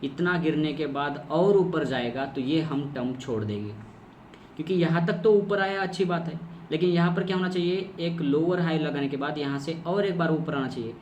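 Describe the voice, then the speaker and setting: A man's voice: a little high, normal speed, darkish tone, lo-fi sound. A man teaching trading strategy on a chart, explaining step by step, repeating key terms and asking himself questions. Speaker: trading course instructor. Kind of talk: screen-recorded chart lesson. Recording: echoey room, distant mic, faint noise.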